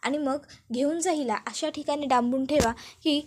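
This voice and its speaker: A woman's voice: sits high, normal speed, darkish tone, slight background noise, natural voice. A taunting young villainess, as a woman narrator puts her on. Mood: menacing. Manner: mocking, menacing taunts.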